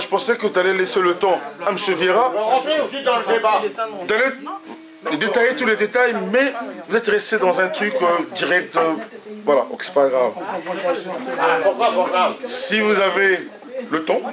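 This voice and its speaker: Rambling high-voiced man moderating. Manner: rambling, halting, with fillers. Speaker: event moderator. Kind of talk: moderating a public meeting.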